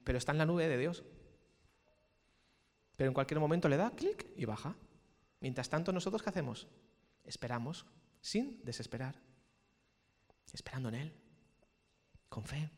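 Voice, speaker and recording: Animated high-voiced Spanish preacher. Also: male voice, moderate pace, long pauses, in a large hall. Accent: Spanish from Spain. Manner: animated preaching, shouting peaks, playful put-on voices. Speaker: pastor. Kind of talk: sermon.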